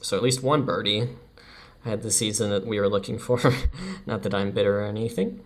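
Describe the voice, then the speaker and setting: A man's voice: on the low side, normal speed. A young man casually commenting over his baseball management game, chatty and laughing at himself now and then. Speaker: let's play commentator.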